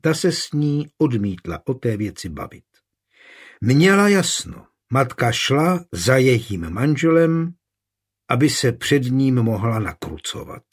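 A man narrating an audiobook in a measured, even storytelling manner. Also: mid-range voice, breathy edge.

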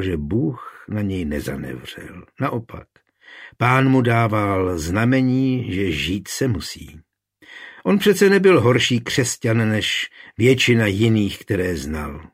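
A man narrating a historical novel in a measured, even storytelling manner. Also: on the low side, slightly rough. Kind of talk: scripted audiobook narration.

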